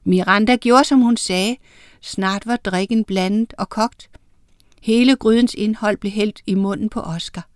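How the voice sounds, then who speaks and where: Woman reading a kids' story aloud, medium pitch, dry close sound. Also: steady tone, clean tone, no echo. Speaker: narrator.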